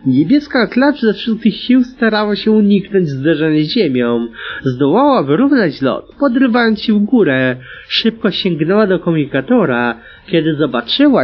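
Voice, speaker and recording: Husky man reading a story aloud. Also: fairly high pitch. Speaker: audiobook reader. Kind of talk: storybook narration. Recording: dull lo-fi recording.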